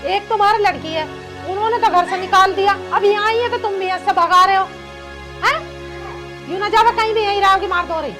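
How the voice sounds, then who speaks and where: A woman's voice: very high-pitched, a little fast. An actress playing a fierce rural mother who defends her daughter, speaking in an emotional, scolding way. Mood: angry. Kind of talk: village film drama acting. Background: loud background music.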